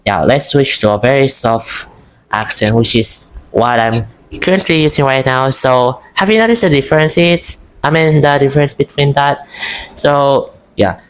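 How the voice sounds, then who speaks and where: A young Filipino man with a Filipino accent vlogs to camera about learning English, chatting casually and encouragingly. He rambles and often restarts, using a clear, resonant mid-range voice at a moderate pace. The audio quality is poor.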